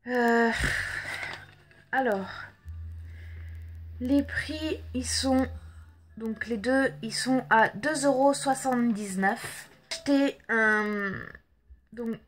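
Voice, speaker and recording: Slow, hesitant French woman vlogger. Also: on the high side, a little hiss or hum. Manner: hesitant, many fillers and restarts, apologetic. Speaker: beauty vlogger. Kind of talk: casual makeup haul chat.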